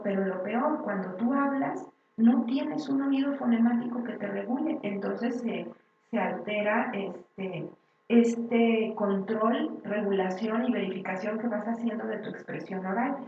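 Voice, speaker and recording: A woman teacher giving a classroom lecture, explaining step by step and often pausing on filler words. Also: fairly high pitch, dark tone, distant mic, slight background noise. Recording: echoey dull room recording from afar.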